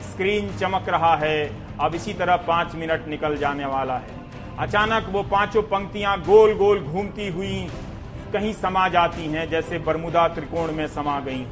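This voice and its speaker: A man's voice: on the high side, a little slow, music in the background. A man delivering scripted TV news commentary in a sarcastic, rhetorical way, speaking straight to the viewer.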